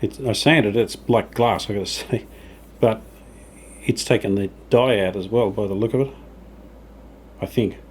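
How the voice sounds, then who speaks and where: A man with a lowish voice and a moderate pace, pausing often, narrates his workshop work casually as host of a hobby radio restoration channel. He sounds understated and a little tentative as he thinks aloud, with clear rubbing and sanding in the background.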